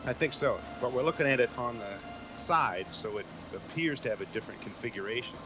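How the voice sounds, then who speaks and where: A man's voice: medium pitch, a little fast, background noise. A man, an oceanographer, talking with colleagues as he works and observes. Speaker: oceanographer at work. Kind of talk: working talk with colleagues.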